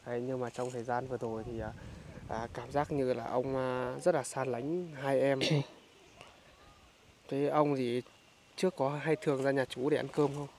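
A man doing a casual on-location interview in a rural village, speaking haltingly with many filler sounds. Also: mid-range voice, steady tone, darkish tone. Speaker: vlogger visiting a poor family.

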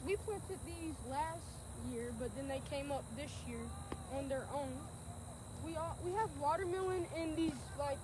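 A woman's voice: high-pitched, moderate pace. A teenage girl with a Kentucky accent giving a casual guided tour of a farm field, chatty and loose with many ums as she walks and points. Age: teen. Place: outdoors on an open urban farm field. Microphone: camera held by a person following a few feet behind. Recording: outdoor field noise on a handheld camera.

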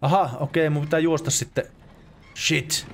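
A man from Finland giving casual let's play commentary, excitable and swearing, with yelps and laughs at the game. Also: on the high side, slight background noise.

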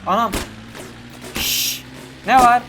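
Excitable high-voiced man narrating a game. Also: slow pace, music in the background. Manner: excitable, chatty, slangy, talks to viewers. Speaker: gaming YouTuber. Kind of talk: casual let's-play commentary. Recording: game audio and vehicle noise behind.

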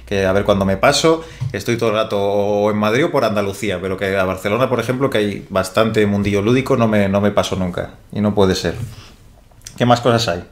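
Young male host, low-pitched, rambling casual live-stream chat, roomy echo. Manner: rambling, self-correcting, chatty. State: sweating heavily. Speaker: host of board game channel. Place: small studio set with brick wall. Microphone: desk microphone.

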